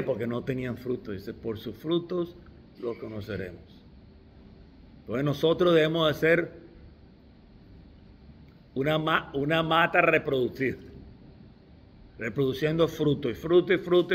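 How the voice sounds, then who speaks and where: A man's voice: fairly high pitch, moderate pace, long pauses, a bit bright, slight background noise. A middle-aged man preaching a sermon, stressing key words with restarts along the way.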